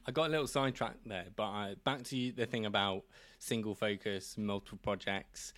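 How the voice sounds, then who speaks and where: Man with a lowish voice, podcast chat. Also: brisk, a bit bright, dry recording. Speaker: podcast host.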